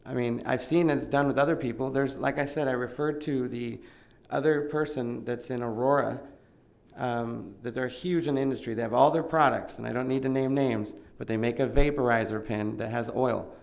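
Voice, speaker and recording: His voice is mid-range and creaky, moving at a moderate pace with fairly even intonation. A middle-aged small farmer from Oregon, he sits at a table microphone indoors at a county commission hearing, delivering a plain, earnest and rambling plea during public comment.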